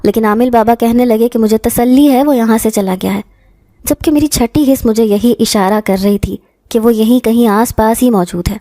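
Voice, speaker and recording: A woman narrating a first-person horror story in a steady, dramatic storytelling manner. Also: fairly high pitch, no room sound, clean studio sound.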